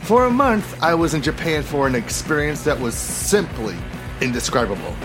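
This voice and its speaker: A man's voice: a little high, lively intonation, moderate pace. A man hosting a podcast in a scripted, theatrical emcee style, playing up a mock-king persona, with music behind him. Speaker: podcast host. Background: background music with guitar.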